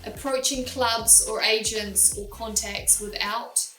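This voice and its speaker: Over music, a young woman from New Zealand delivers straightforward, step-by-step practical advice as host of a casual vlog. Her voice is a little high, slow-paced and fairly even in intonation, captured in a roomy space somewhat distant from the microphone.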